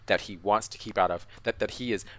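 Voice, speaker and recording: Male podcast co-host, lower register, casual recap, halting delivery full of restarts. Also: steady tone, a bit bright. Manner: halting, many restarts and repeated words. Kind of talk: casual chat, episode recap.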